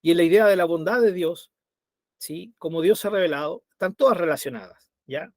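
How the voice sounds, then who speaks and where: This Bible study teacher has a voice on the high side and talks a little fast, conversational throughout and regularly checking in with tag questions. His recording is clean studio sound with no room sound.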